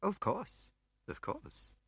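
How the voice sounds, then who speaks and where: In an audiobook, a man lightly acts the part of a pompous, ingratiating civil service chief, using a hesitant, upper-class English delivery with a falsely genial mood. He speaks slowly, and there is no room sound.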